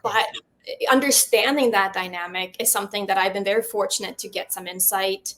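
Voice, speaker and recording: A middle-aged Swedish woman, a native speaker who founded a film festival, is a guest in an interview and answers questions thoughtfully, with lots of fillers and restarts. Her voice is mid-range and slightly bright, and she speaks fairly quickly with fairly even intonation.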